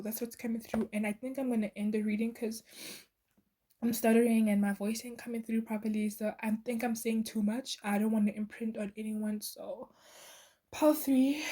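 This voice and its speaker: A woman's voice: a little high, dark tone. A woman giving a channeled tarot reading to her viewers, earnest and meandering, with many fillers and restarts. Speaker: tarot reader.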